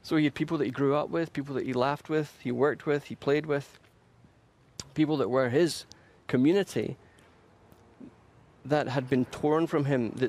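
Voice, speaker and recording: A man's voice: mid-range voice, a little mellow. Earnest man preaching a sermon. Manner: earnest, emphatic preaching with repeated phrases and restarts. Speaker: pastor. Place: church.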